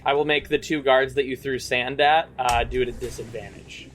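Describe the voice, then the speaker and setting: A man's voice: mid-range voice, fairly even intonation, normal speed, fairly bright tone. A man running a tabletop game as dungeon master, chatty and loose, with frequent fillers.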